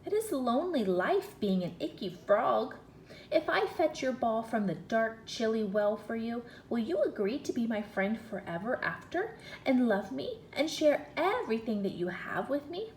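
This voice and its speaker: A woman's voice: a little high, very animated, moderate pace, darkish tone, reverberant, pitched above the performer's own voice. A woman voicing a timid, lonely male frog with a scratchy voice in a storybook read-aloud. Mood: pleading. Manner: timid, pleading.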